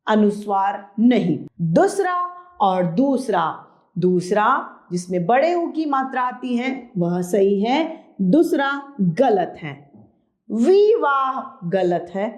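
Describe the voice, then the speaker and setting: A woman teacher takes young children through a grammar lesson at an unhurried pace. Her pitch rises and falls a great deal as she stresses each word she reads out. The room around her gives back a clear echo. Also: a little mellow. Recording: echoey room.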